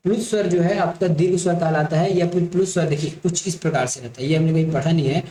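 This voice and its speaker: A man teaching an exam-prep grammar lesson. He explains slowly, repeats each point and keeps checking that his listeners follow. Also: a little high, warm tone, reverberant, poor audio.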